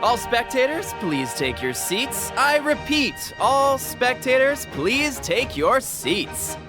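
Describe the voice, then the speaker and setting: An actor voicing a male stadium announcer calling out through a megaphone in a loud, formal public announcement. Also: extremely high pitch, sing-song, slow pace, over music, full character voice. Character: adult male stadium announcer, official and commanding.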